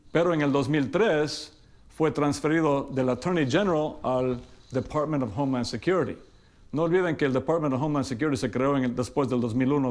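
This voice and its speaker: Middle-aged male immigration lawyer from Ecuador, measured explainer, slows down for key terms, mid-pitched voice. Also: a little mellow. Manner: mixes English legal terms into Spanish. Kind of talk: explainer talk to camera.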